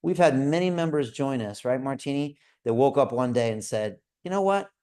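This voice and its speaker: A man's voice: mid-range voice, normal speed, mellow. A man hosting a live call, giving an earnest motivational talk and often checking in with "right?". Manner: earnest, repeats "right?" to listeners. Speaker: show host. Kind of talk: motivational livestream talk to viewers.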